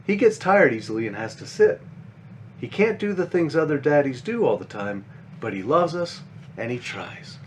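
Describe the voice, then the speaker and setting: Voicing the picture book's earnest five-year-old bunny sister, a man explains things simply to a younger child with caring eagerness. The pitch moves in a lively way at normal speed, and faint background noise is present.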